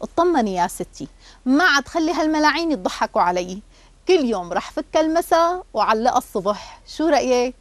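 A woman's voice: high-pitched, sing-song, fast talker, no echo, voice pushed up. A woman voicing a grumbling, impatient male taxi driver, in a radio story. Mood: irritable. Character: gruff hurried male taxi driver, irritable.

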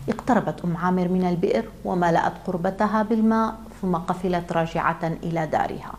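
A woman narrating a moral tale in a measured, solemn storytelling manner. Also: on the low side, steady tone, a little mellow.

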